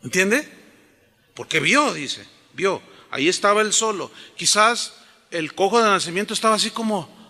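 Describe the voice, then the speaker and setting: Animated pastor preaching in a hall. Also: male voice, sits high, normal speed. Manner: animated, storytelling, addresses the congregation. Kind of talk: sermon. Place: church auditorium. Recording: reverberant auditorium.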